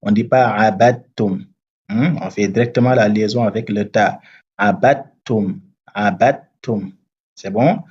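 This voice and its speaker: A man teaching Quran recitation rules step by step, patiently checking that learners follow and chanting the verses slowly. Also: fairly low pitch, fairly even intonation, a little mellow, husky, dull audio. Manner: patient, repeats and checks understanding; slow drawn-out recitation of verses. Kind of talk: step-by-step tajweed lesson.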